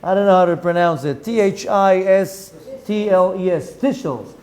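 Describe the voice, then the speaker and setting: Teaching a Torah lesson on the Zohar, this high-pitched, middle-aged rabbi speaks with an Israeli accent. He races through the Hebrew and then unpacks it in English with animated rhetorical questions.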